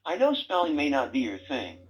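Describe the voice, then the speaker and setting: With huge swings in pitch, a man in a slightly high voice talks a little fast as a sarcastic male brain robot toy, teasing its owner and issuing bossy quiz prompts. The high frequencies are cut off.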